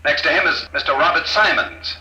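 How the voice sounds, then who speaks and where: An actor playing a cold, smug villain speaking over an intercom, in 1950s radio drama style. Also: male voice, fairly high pitch, brisk, bright, forceful tone, slight background noise. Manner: smug, coolly mocking. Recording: roomy, muffled old radio recording.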